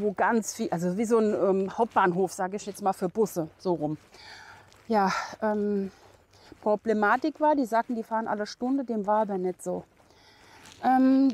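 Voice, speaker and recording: A woman's voice: a little high, a little mellow. A middle-aged woman chatting to the camera while hiking an outdoor forest trail, rambling with many fillers and laughs, a little out of breath. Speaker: hiking vlogger. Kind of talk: casual chat to camera. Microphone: camera held at arm's length.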